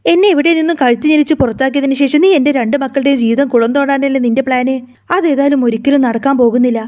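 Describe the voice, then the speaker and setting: A woman's voice: high voice, quick pace, darkish tone, close to an everyday voice. A woman reading Kanakadurga, a scheming wailing mother. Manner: accusing, wailing complaints. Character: scheming middle-aged mother of two, shrill and tearful.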